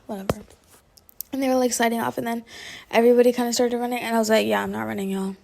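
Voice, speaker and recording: A young adult woman telling a story to her viewers in a casual, animated vlog, laughing often and filling her speech with "like". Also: a little high, fast, a little hiss or hum. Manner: animated, chatty, laughs often, heavy use of "like". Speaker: vlogger.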